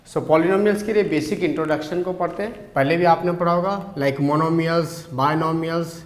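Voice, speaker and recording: High-voiced Indian maths teacher, slow dictation. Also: male voice, steady tone, echoey room. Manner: switches between slow dictation and quick explanation. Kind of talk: classroom maths lesson.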